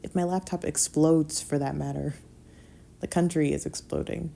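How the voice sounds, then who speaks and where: A woman reads a novella aloud in a low, gravelly voice with a very dark, mellow tone. She acts out both sides of a dialogue quietly and intimately, sinking into whispers now and then. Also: fairly even intonation, moderate pace. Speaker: audiobook reader.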